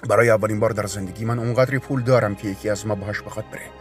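A man voicing a weary, gentle middle-aged father who is poor, speaking quietly and in a measured way. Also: lowish voice, steady tone, faint music behind, pitched below the performer's own voice, natural voice. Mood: tired.

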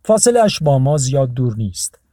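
A man's voice: mid-range voice, sing-song, warm tone, no room sound, studio quality, close to an everyday voice. A man voicing a laid-back, boastful homeless man who claims to be a surfer and tycoon. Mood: gruff.

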